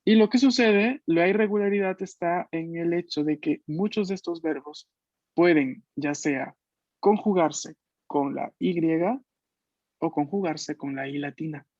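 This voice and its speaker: A man leads an online French lesson, explaining pronunciation patiently and pronouncing each form slowly. His voice sits a little high. The call audio is dull and dry. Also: a little mellow, no echo. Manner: patient, explains slowly, models French words at a deliberate pace. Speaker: French teacher. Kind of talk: online language class. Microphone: video call.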